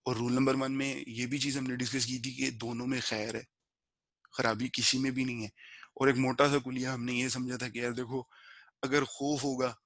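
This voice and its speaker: A man explaining a book of spiritual rules step by step in a relaxed, conversational teaching style, slipping English words into his talk. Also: medium pitch, no room sound. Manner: slow measured recitation of a prayer verse. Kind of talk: informal spiritual lesson.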